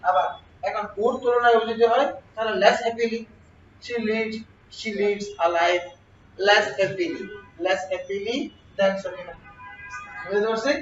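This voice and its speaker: High-voiced male teacher in an echoey room. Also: little pitch movement, slow pace, pauses often, over music. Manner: asks the class questions and answers them himself. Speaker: exam prep teacher. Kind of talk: classroom grammar lesson. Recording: roomy, distant, dull lo-fi sound with faint noise.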